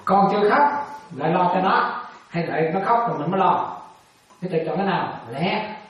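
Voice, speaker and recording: A woman's voice: lowish voice, brisk, dull audio. A woman giving a Buddhist dharma talk, casually quizzing her listeners again and again and chuckling as she goes. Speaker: Buddhist teacher. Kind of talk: dharma talk with questions to students. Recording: very echoey room, mic at a distance.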